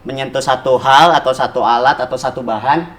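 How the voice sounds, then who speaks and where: A man's voice: mid-range voice, fairly quick, a bit bright, slight background noise. A man in his twenties, a guest on a talk show, speaking casually and politely with some hesitation. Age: 20s. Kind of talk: casual interview chat.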